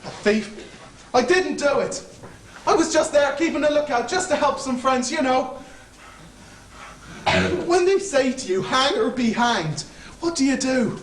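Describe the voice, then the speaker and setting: A man's voice: very high-pitched, lively intonation, measured pace, long pauses, slight background noise. A young man playing a fawning, anxious convict in a stage play, stammering and rambling, heard from far off on an echoey stage. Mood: nervous rambling. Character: fawning anxious male Irish convict hangman. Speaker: student actor.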